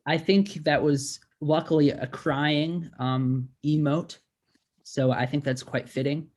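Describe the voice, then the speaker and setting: A man improvising an awkward East Coast expert who talks haltingly with many ums, heard over a video call. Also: fairly high pitch, steady tone, darkish tone. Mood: apologetic. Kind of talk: improvised comedy role-play.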